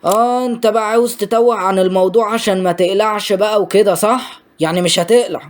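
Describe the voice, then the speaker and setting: A man's voice: sits high, steady tone, fast talker, close to an everyday voice. A man with an Egyptian accent voicing a brash teenage bully from a comic recap, taunting and threatening. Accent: Egyptian Arabic. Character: bullying teenage male disciple, brash troublemaker.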